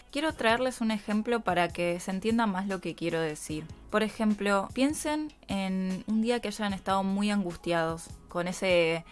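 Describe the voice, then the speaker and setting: Argentine woman, voice coach, lower-pitched voice, conversational solo podcast, soft music underneath. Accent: Argentine Spanish. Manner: conversational, frequent tag questions to listeners. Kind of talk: reflective solo podcast talk.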